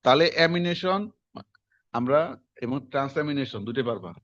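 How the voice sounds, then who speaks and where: A man, teaching a class in quick, conversational lecture style and quizzing his students as he goes. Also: medium pitch, fairly bright tone, dry recording. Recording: dull lo-fi classroom recording.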